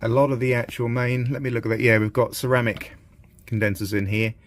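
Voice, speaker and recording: A fairly quick, medium-pitched voice with little pitch movement belongs to a British man in his fifties, a vintage radio repairer presenting a video. He thinks aloud and chats informally as he demonstrates by hand in a small, cluttered indoor electronics workshop, where the recording is clearly noisy.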